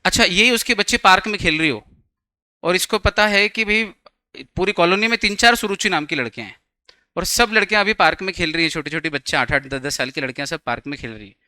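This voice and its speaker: A man's voice: sits high, fast talker, pushed and bright, smooth, no echo. A young man teaching a law class, chatty and teasing, quizzing his students with jokes.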